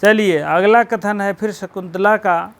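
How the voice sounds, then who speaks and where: A man teaching a Sanskrit play for exam preparation, repeating key phrases slowly and stressing each word as he explains the lines. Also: high voice, steady tone.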